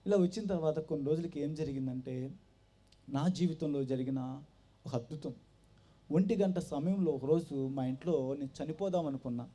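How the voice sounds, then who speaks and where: A man giving his personal testimony at a church gathering, telling his story with animated storytelling and acting out the voices of the people in it. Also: fairly high pitch, moderate pace. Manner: animated storytelling that acts out quoted dialogue. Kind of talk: personal testimony told to a congregation.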